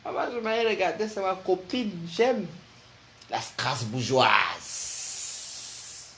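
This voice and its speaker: A man's voice: high voice, sing-song, slow pace, gravelly, sharp tone, a little hiss or hum. A man, delivering a comic, mocking rant as a vlogger, full of insults and laughter. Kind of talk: comic ranting monologue.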